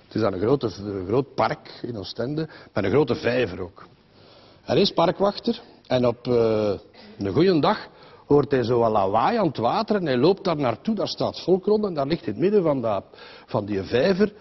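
A man's voice: mid-range voice, big pitch swings, normal speed, breathy edge, dull audio. A man with a Flemish accent telling a comic story in a rambling, chatty way, full of fillers and voices of the people in it. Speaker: comedian.

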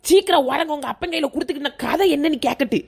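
A woman's voice: high-pitched, racing, gravelly. A woman voicing a tired village mother coaxing her child to sleep, in a Kanyakumari Tamil accent. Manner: coaxing, grumbling. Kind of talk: cartoon voice acting.

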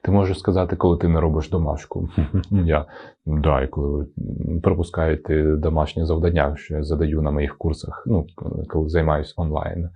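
A man's voice: very deep voice, little pitch movement, brisk, breathy edge, highs cut off. A man teaching Italian in a casual video lesson, playful and acting out the intonations of example words. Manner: promotes his own course.

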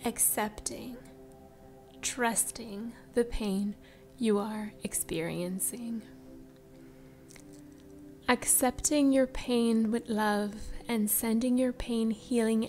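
A woman guiding a meditation in a soft, breathy spa voice that trails into whispers, soothing and unhurried. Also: a little high, fairly even intonation. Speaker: meditation guide. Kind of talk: slow guided meditation narration. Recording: music behind the voice. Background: background music.

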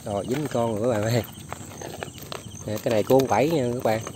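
A man with a medium-pitched voice talks quickly as he works his fishing lines and traps in flooded rice fields, keeping up a chatty running commentary to his viewers. The background is noisy.

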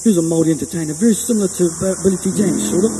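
A musician entertainer with a broad Kiwi accent chats folksily into a stand microphone between sung lines, high-voiced and racing along. He's outdoors on a hilltop above the sea, with guitar music behind him, background noise, and long reverb on the outdoor mic.

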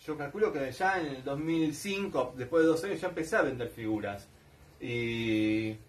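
A man's voice: fairly high pitch, distant mic. A man with an Argentine accent, rambling casually and nostalgically as a collector vlogger. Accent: Argentine Spanish. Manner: colloquial, nostalgic, repeats himself.

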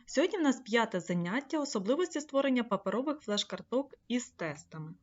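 A woman's voice: on the high side, big pitch swings, quick pace. Woman trainer explaining a tutorial. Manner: explanatory, addresses viewers directly. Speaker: online course trainer. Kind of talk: screen-share tutorial lesson. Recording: slightly dull lo-fi mic.

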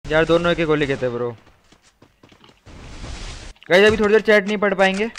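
A hoarse young man streams a shooter game, his voice sitting high as he fires off excited callouts to teammates and friendly asides to his viewers. Faint game gunfire ticks along underneath. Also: brisk, a little hiss or hum. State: hoarse, throat going sore. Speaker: live-streaming gamer. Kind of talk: casual gameplay chat with squad and viewers.

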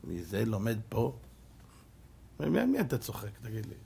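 A man's voice: medium pitch, wildly swooping pitch, gravelly, dark tone, breathy edge, pitched below the performer's own voice, full character voice. A man voicing a scornful secular tractor driver, blunt and mocking, within a told story.

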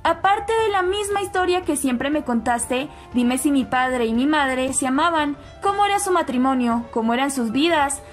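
A woman's voice: high voice, moderate pace, few pauses, soft background music, lightly acted. A woman reading the lines of an angry, tormented young man. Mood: demanding. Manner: demanding, agitated.

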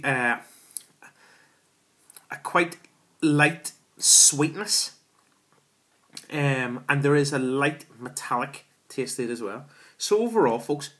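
Man, 30s, enthusiastic casual review, lots of ums, bright tense tone, small room at home. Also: a little high. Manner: chatty, enthusiastic, lots of fillers. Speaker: beer reviewer. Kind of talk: casual beer review vlog. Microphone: camera at arm's length.

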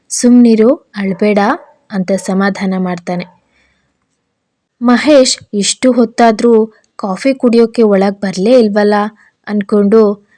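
A woman narrating a scripted story in a steady, measured way. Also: medium pitch, dry recording.

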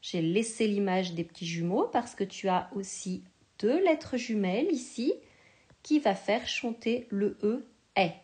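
A woman teacher giving a slow, patient spelling lesson to a young child, sounding out each syllable with care. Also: medium pitch, mellow.

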